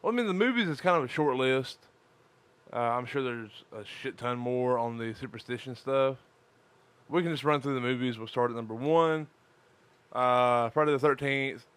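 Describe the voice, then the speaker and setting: He co-hosts a casual live-streamed podcast, tired from not sleeping enough, talking with a lisp while joking and swearing in a crude, profane way. The voice is mid-range and fairly bright, smooth, at a normal pace.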